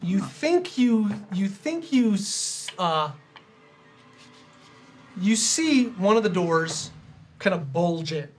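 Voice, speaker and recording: High-voiced man running a tabletop game. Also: sing-song, slow pace, long pauses. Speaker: game master. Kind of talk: improvised tabletop game narration. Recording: faint music behind.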